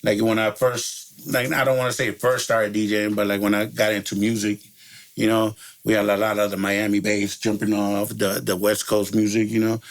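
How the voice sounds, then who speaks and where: A middle-aged man from El Salvador, guesting as a DJ, chats casually in an interview using laid-back street slang, laughing often and saying "you know" a lot. His voice is lowish with little pitch movement, at normal speed.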